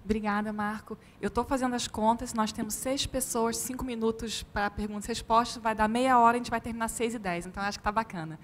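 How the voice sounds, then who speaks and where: A woman moderating a panel discussion, organized and polite, giving clear instructions. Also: on the high side, steady tone, quick pace, hardly any pauses, big-room sound, slight background noise.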